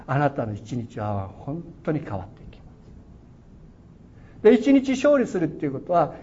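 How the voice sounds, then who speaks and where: Earnest Japanese pastor, lo-fi sermon. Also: male voice, mellow. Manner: earnest, exhorting, with big swells of emphasis. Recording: dull lo-fi sound with faint rumble.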